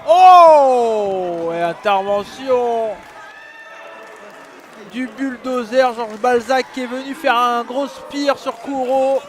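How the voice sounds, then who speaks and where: Calling a wrestling show live, a male commentator speaks in a very high-pitched voice. He's excitable and exclaims often, though his pace stays fairly unhurried. The event is noisy, with the crowd audible behind him.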